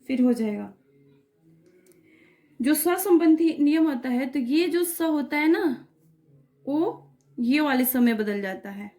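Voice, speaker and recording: A woman with a high voice gives an unhurried grammar lesson. She works through each example patiently and keeps checking that her students are following. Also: warm tone. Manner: patient, repeats checks like "clear?" and "okay". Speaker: teacher.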